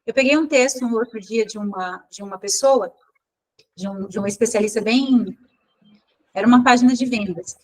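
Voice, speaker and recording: A woman's voice: on the high side, moderate pace, low-quality recording. A woman teaching a live online class over a video call, talking informally and correcting herself as she thinks aloud.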